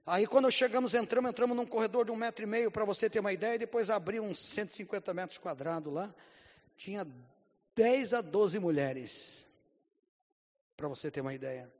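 Brazilian male pastor, high voice, testimony sermon in a long-echo hall, dull lo-fi recording. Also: fairly quick. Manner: vivid storytelling that builds to fervent, near-shouted preaching; keeps repeating a stock phrase to the congregation.

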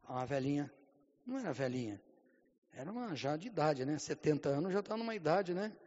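A Brazilian man, a pastor, gives a sermon with a personal testimony. He tells it vividly and builds to fervent, near-shouted preaching, often repeating a stock phrase to the congregation. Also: on the high side, expressive, a little fast, long reverb tail, highs cut off.

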